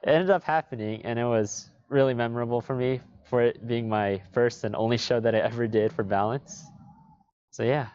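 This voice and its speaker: A teenage boy calmly recounting a memorable experience in an interview. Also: mid-range voice, normal speed, clean tone, dry recording, muffled recording. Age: late teens. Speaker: graduating marching band member. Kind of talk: casual interview answer.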